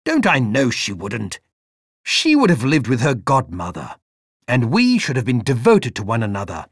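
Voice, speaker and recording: Man doing a sharp, brisk old aunt. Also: mid-range voice, huge pitch swings, slightly rough, dry recording, studio quality, exaggerated voice. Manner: curt, commanding, emphatic.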